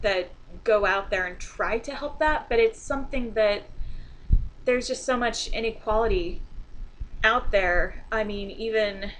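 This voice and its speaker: A woman's voice: medium pitch, fairly bright tone, a little hiss or hum, rough recording. A woman hosting a casual chat to her viewers, earnest at times and playful when telling jokes. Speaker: host of a beading video chat.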